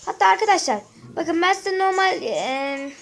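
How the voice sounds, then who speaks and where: Very high-voiced chatty woman gamer. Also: expressive, normal speed, gravelly, low-quality recording. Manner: chatty, keeps addressing viewers as friends. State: sore throat. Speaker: gaming channel host. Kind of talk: casual gameplay walkthrough. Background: faint game music.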